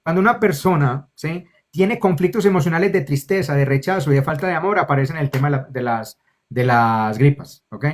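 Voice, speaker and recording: Animated and fairly quick, this slightly high-voiced spiritual guide with a Colombian accent explains concepts in conversation during an interview. He warmly calls the listener lovely and repeatedly checks in with "ok?".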